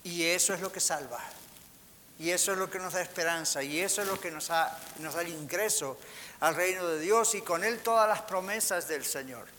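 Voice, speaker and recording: A pastor preaches with a high, bright voice, putting rhetorical questions to his listeners. His voice rings out through a reverberant hall over a faint hiss. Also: moderate pace. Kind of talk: sermon. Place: church hall.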